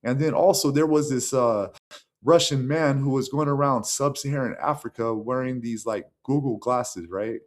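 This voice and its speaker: An American man talking casually to his camera in a rambling way, with many fillers and restarts. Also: moderate pace. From United States. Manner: acts out the voices of others in a raised pitch. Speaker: vlogger.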